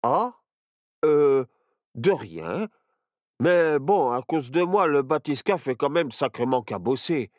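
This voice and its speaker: A man's voice: mid-range voice, big pitch swings, takes it slowly, dry recording, studio quality, voice pushed up. A man voicing a timid, hesitant young boy in a children's storybook, stammering and unsure. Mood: nervous.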